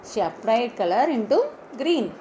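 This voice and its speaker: A woman teaching an online English lesson, slowly spelling out words letter by letter and repeating them. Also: a little high, big pitch swings, dark tone, slight background noise, rough recording.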